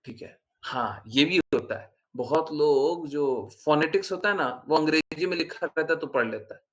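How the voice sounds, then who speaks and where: A man giving an informal devotional talk as a spiritual teacher, animated and scolding with rhetorical questions. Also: a little high, normal speed.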